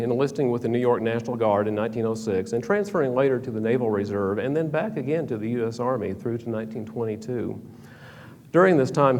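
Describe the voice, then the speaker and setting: Speaking at medium pitch with a slightly mellow tone, a man delivers a scripted history presentation, occasionally stumbling and restarting. The recording carries a reverberant hall sound and faint hum.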